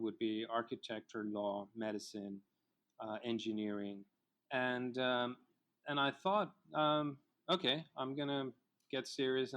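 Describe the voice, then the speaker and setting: A man's voice: mid-range voice, fairly bright tone. Reflective Colombian filmmaker man. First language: Spanish. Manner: reflective storyteller, many fillers. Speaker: filmmaker guest. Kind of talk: casual interview chat.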